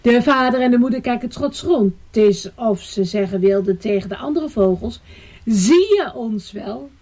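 A woman reading a children's story aloud, expressive and sing-song. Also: a little high. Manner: slow, lively and sing-song.

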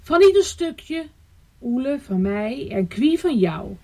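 A woman's voice: sits high, very animated, takes it slowly, darkish tone, heavily acted. A woman voicing a pompous, dignified father house sparrow in a storybook reading.

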